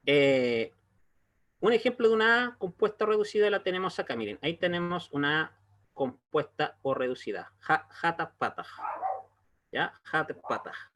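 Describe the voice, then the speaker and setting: A man with a slightly high-pitched voice gives an online language lesson. He explains in a slow, patient way and keeps stopping to check that his students are following. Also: bright, forceful tone. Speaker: Hebrew teacher.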